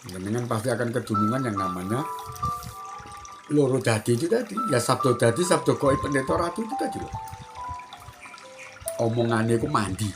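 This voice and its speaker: A man's voice: mid-range voice, lively intonation, fairly quick, long pauses. A middle-aged man with an East Javanese accent gives a spiritual advice talk as a teacher, repeating his points and admonishing the listener directly. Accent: East Javanese Indonesian. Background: music.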